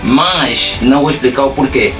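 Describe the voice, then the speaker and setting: A man's voice: mid-range voice, normal speed, echoey room, over music. A man from Angola with an Angolan Portuguese accent, teaching an online lesson and explaining step by step with repeated tag questions. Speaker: English teacher and mentor.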